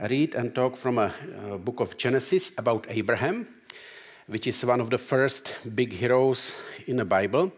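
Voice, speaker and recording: A middle-aged man from the Czech Republic with a Czech accent, giving a sermon and reading scripture as a guest preacher, talking haltingly with many "uh" fillers and restarts. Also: medium pitch.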